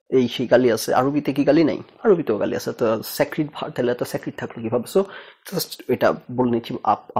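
A man's voice: mid-range voice, darkish tone, breathy edge. A man from Bangladesh hosting a casual talk show, thinking aloud with rhetorical questions and slipping English phrases into his talk. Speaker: host.

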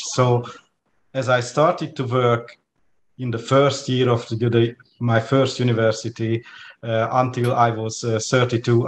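A man in his forties from Hungary with a Hungarian accent, speaking as an interview guest over a video call, hesitant with many fillers and restarts. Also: medium pitch. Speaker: guest lecturer. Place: home room with plants. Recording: faint background noise on video call.

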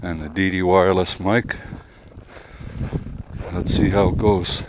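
Low-voiced man trudging through a noisy blizzard. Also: fairly even intonation, a little slow. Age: middle-aged. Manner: talking while trudging through snow in a storm. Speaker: travel vlogger. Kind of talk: casual walk-and-talk vlog. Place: outdoors, snowy town at night in a blizzard. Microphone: wireless clip-on mic. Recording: heavy wind noise on outdoor mic.

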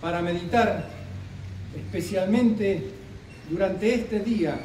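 A middle-aged man with a high, dark-toned voice reads a formal commemorative speech from notes at a podium in an outdoor park gazebo during a ceremony. As the official speaker, he delivers it in a measured, solemn way with deliberate pauses. The podium mic is recorded from a distance, giving a roomy, open-air sound with a little hiss or hum.

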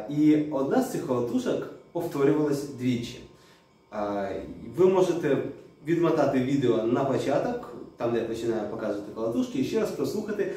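A man's voice: medium pitch, dark tone. A man who makes drums, explaining step by step and addressing viewers directly. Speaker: drum workshop maker. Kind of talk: product explainer video. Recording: very echoey room, distant mic.

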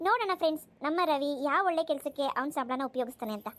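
A woman narrates a cartoon story and chats with her viewers in a friendly way. Her voice is very high and her delivery is quick. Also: expressive, fairly bright tone. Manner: friendly, chatty appeals to viewers. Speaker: storyteller and channel host.

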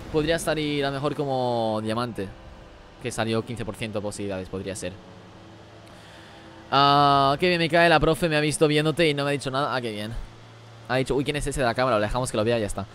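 A man streaming a game live, talking rapidly as he reads and answers the chat. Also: medium pitch, lively intonation, a bit bright, slight background noise. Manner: rapid-fire talk while reading chat. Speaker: gaming streamer.

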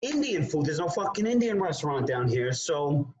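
A man's voice: fairly high pitch, big pitch swings, normal speed, slight background noise, rough recording. A man speaking as a guest in a casual chat from his home kitchen, laid-back and profane, often saying "man".

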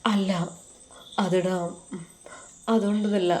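A woman voicing a lovesick, anxious young man in a storybook tale, speaking softly and tearfully. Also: mid-range voice, level tone, takes it slowly, a little hiss or hum, lightly acted. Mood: sorrowful. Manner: soft, quiet and tearful.

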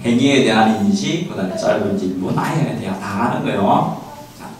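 A man lecturing parents on child discipline, animated, often acting out what parents and children say. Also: on the low side, brisk, slight background noise. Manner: lively, acts out quoted parents and children; laughing often with the audience. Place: lecture hall. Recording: echoey hall, voice from far off.

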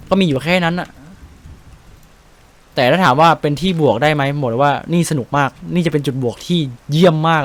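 Chatty, excitable Thai game streamer man. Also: on the high side. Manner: chatty, excitable, swears casually, explains tactics. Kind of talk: casual gameplay commentary.

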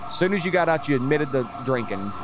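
A man's voice: a little high, lively intonation, fast, a loud crowd. Blunt, sarcastic man questioning a suspect. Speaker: police officer player in a role-play. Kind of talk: role-played traffic stop questioning. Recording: noisy stream mix with game vehicle sounds.

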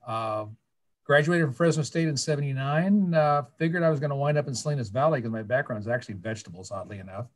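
Over a webcam in his small office, a sixty-something Californian man speaks quickly, his voice pitched in the middle range. He's a guest panelist on a video call, recounting his story casually and plainly with dry, wry asides.

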